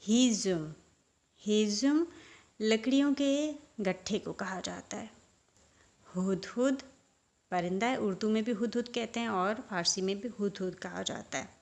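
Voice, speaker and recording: Slow, careful woman language teacher. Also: mid-range voice, gravelly, a little mellow. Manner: says each word, then explains it. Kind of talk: slow vocabulary lesson.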